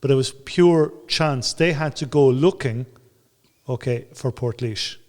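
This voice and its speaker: A man's voice: mid-range voice, measured pace, a little mellow. Enthusiastic Irish man, echoey hall. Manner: storytelling, acts out quotes, enthusiastic. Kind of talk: panel discussion. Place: old brewery building, large room.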